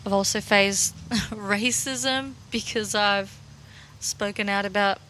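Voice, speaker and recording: A woman's voice: mid-range voice, fairly even intonation, takes it slowly, pushed and bright, slight background noise. A young woman from Russia co-hosting a podcast, chatting casually and laughing easily. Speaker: podcast co-host. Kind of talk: casual chat.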